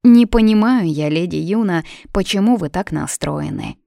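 A woman's voice: on the low side, expressive, moderate pace, creaky, no echo, clean studio sound. Woman doing a kindly, soothing maid. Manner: gentle, reassuring.

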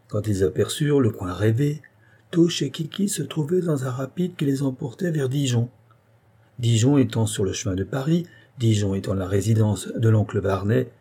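A male narrator reads a classic short story in a measured, expressive way. His voice is warm and mellow, with a breathy, husky grain. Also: medium pitch. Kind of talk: audiobook reading of a short story.

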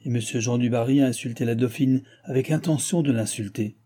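A man's voice: mid-range voice, a little fast, warm tone, lightly acted. A man voicing a zealous court minister in an audiobook, speaking firmly and insistently. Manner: firm, insistent. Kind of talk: audiobook reading.

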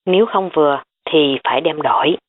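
A woman's voice: low-pitched, brisk. A woman voicing a domineering middle-aged aunt who gives orders and scolds. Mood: bossy. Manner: commanding, scolding. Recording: tinny phone-like audio.

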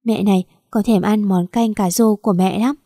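A woman's voice: mid-range voice, steady tone, normal speed, dark tone, no echo, clean studio sound, natural voice. A woman voicing an unhappy young wife, tearful and pleading. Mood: forced cheer.

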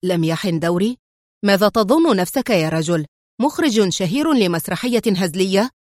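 A woman's voice: lowish voice, lively intonation, fairly quick, dry recording, studio quality, lightly acted. Woman voicing a sarcastic, defiant male hero. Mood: defiant mocking. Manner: mocking and defiant.

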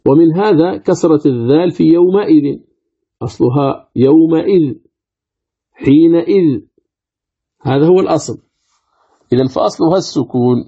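Gravelly-voiced man teaching recitation rules. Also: medium pitch, mellow. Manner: poses questions and answers them himself, demonstrates pronunciations aloud. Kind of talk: explaining a commentary on Quranic recitation rules. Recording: tinny phone-like audio.

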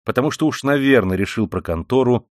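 A man reading a classic novel aloud as an audiobook narrator, in measured, even storytelling. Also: mid-range voice, no room sound, studio quality. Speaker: audiobook reader. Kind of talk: scripted narration.

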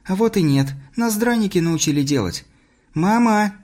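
A man voicing a caring middle-aged mother in an audiobook, in a raised, softened voice. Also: medium pitch, expressive, normal speed, voice pushed up, natural voice. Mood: cheerful.

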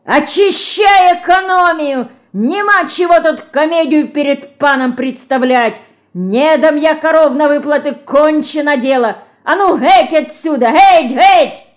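A woman voicing a rough, angry peasant man with a hoarse, threatening shout and speech. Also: high voice, a little slow, voice pushed up. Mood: yelling. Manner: threatening, yelling.

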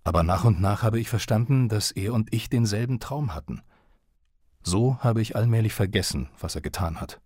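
A man narrating a radio documentary in a measured, serious reading style. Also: lowish voice, lively intonation, a little mellow, breathy edge, dry recording, clean studio sound.

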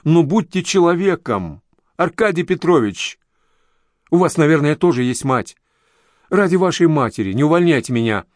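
A man's voice: fairly high pitch, animated, normal speed, a little mellow, no echo, clean studio sound, voice pushed up, natural voice. Man voicing a desperate, tearful young woman. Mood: pleading. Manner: pleading, tearful, shrieking when angry. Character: desperate young woman, pleading then screaming.

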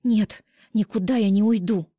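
A woman's voice: mid-range voice, measured pace, mellow, slightly rough, no echo, studio quality, voice pushed up. A woman reading an audiobook voices a frightened young pregnant woman, whispering breathlessly and shakily. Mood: hoarse.

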